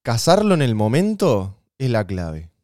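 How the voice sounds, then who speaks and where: A man with an Argentine accent co-hosting a podcast, giving relationship advice in a relaxed, slangy, conversational way. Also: mid-range voice, measured pace, dry recording, studio quality. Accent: Rioplatense Spanish. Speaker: podcast co-host. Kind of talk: casual relationship advice chat.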